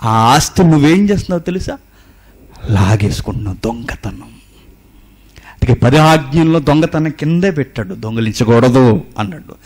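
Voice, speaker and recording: A man preaching a sermon. He fires rhetorical questions at his listeners and swings between loud exclamations and quiet storytelling. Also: mid-range voice, expressive, moderate pace.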